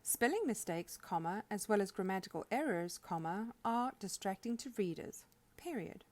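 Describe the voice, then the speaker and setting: A woman's voice: mid-range voice, lively intonation, moderate pace, darkish tone. A woman narrating a scripted grammar lesson, reading example sentences aloud and saying the punctuation marks as words. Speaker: grammar instructor.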